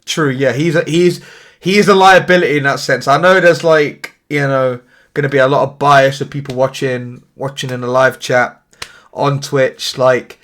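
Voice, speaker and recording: A man's voice: medium pitch, fairly even intonation, normal speed, fairly bright tone. Rambling man, casual streamer. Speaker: co-host. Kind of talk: casual banter on a livestream.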